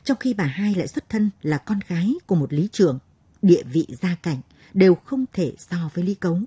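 A woman reading a novel aloud as narrator, in steady, measured storytelling. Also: on the low side, breathy edge, no echo. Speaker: audiobook narrator.

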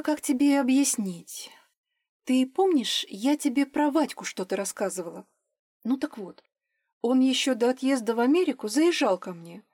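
A woman's voice: on the high side, dark tone, dry recording, clean studio sound. A woman reading a flustered young woman confiding.

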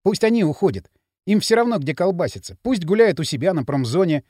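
Кастинг: мужчина играет дерзкого подростка, нетерпеливый, живая интонация, сухо. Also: male voice, sits high, very animated, fairly quick, dark tone, no room sound, clean studio sound. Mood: defiant. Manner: impatient, defiant. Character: brave hot-headed teenage boy.

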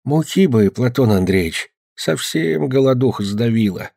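A man voicing a creaky, begging poor peasant. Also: medium pitch, expressive, normal speed, warm tone, no room sound, clean studio sound. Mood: pleading. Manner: begging, plaintive. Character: poor pleading male peasant, hungry and humble.

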